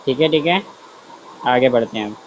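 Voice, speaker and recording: A man's voice: medium pitch, moderate pace, dull audio, slight background noise. A man teaching a class in a chatty way, thinking aloud, often saying okay, and checking that students follow. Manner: chatty, repeats "theek hai" often, thinks aloud while drawing; self-correcting, asks students if they understood. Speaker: science teacher. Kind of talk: online class lesson.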